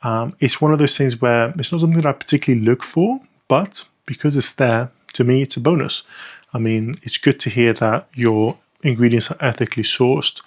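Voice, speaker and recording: A perfume reviewer, a man with an ordinary middle-pitched voice, gives a casual first-impressions review of a set of samples. He's easygoing, unscripted, and chatty, thinking out loud and filling pauses with frequent ums.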